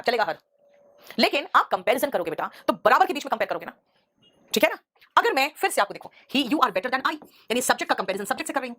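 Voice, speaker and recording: Brisk, higher-pitched woman teaching grammar. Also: fairly bright tone. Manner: addresses students as beta, scolding asides; repeats rules, mixes Hindi with English examples. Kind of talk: live online class.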